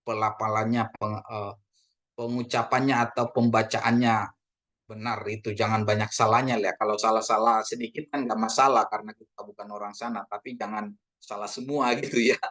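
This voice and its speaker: Man teaching pronunciation, slow repeated words. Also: on the low side, little pitch movement. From Indonesia. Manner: drawn-out repetition of words, frequent fillers; addresses listeners as ladies and gentlemen. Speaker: Greek language teacher. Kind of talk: casual classroom lesson.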